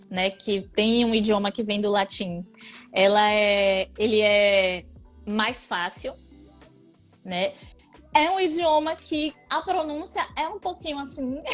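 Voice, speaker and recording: A young woman from Brazil with a Bahian accent, chatting casually as an interview guest and laughing often. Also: a little high. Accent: Bahian Portuguese.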